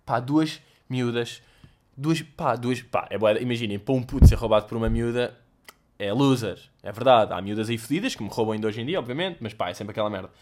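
A man's voice: medium pitch, fairly quick. A young man from Portugal with a European Portuguese accent, telling stories in a casual, comedic, profanity-heavy vlog monologue. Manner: swears a lot, animated storytelling with mock voices and sound effects. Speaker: host answering viewer questions.

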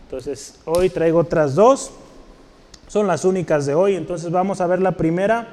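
A man's voice: high voice, moderate pace, darkish tone. A man preaching a Bible lesson, addressing his listeners politely and often checking that they follow while he writes words on a board. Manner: addresses listeners formally, writing terms on a board as he teaches; asks frequent checking questions. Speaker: preacher teaching a Bible class. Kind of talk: sermon.

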